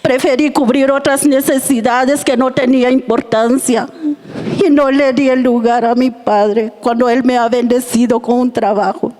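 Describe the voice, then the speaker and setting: A woman's voice: high-pitched, flat delivery, moderate pace, darkish tone. A middle-aged woman telling her personal testimony to a church congregation, earnest and heartfelt. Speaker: church member giving testimony.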